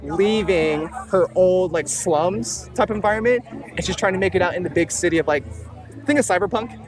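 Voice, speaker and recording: In a beach interview with traffic close by, this young Tagalog-speaking music producer rambles casually, dropping in plenty of fillers. His voice is high and his pace moderate, with crowd noise around him and music running under the recording.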